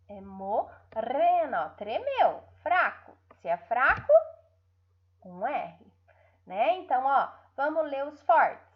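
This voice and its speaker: A woman's voice: high-pitched, muffled recording. A woman teacher with a Brazilian Portuguese accent giving an online lesson to young pupils, stretching out syllables and often checking in with her listeners. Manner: drawn-out syllables, frequent checking tags.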